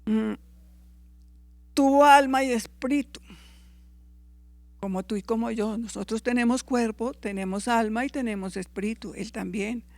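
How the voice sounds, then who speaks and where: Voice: mid-range voice, a little slow, pauses often, no room sound. A Bible teacher giving a class, reading verses aloud, fixing misread references and checking in with listeners. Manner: reads scripture aloud and corrects its own verse references; checks in with listeners with short tag questions.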